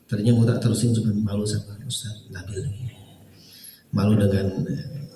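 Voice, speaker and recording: A man's voice: on the low side, level tone, normal speed, dark tone, slight background noise. A male Quran recitation teacher giving casual feedback to students, chuckling often and leaning on filler phrases. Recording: echoey hall, distant mic.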